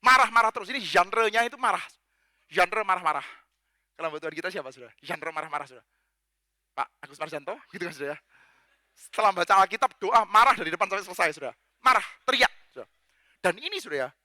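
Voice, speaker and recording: A male pastor preaching a sermon in a lively, joking way, dropping in English phrases and acting out quoted voices. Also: no echo, clean studio sound. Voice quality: acts out quoted voices with big pitch jumps. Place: church.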